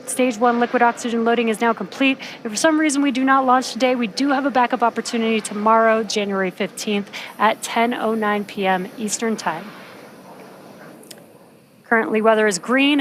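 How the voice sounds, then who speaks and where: A woman with a fairly high voice hosts a live launch broadcast. She explains each step like an announcer. Clear ambient noise sits behind her voice. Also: steady tone, normal speed. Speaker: launch webcast host.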